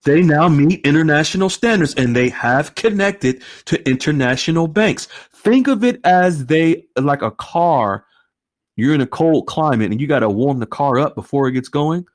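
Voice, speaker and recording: A man hosting an online group call, animated and exclaiming often. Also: fairly high pitch, moderate pace. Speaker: host.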